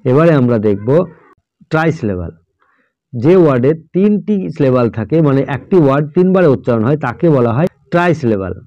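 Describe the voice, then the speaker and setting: A man's voice: mid-range voice, sing-song, a little fast, no echo, muffled recording. A man teaching an English grammar lesson, sounding words out letter by letter and often checking that students follow. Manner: checks in often with "all right?".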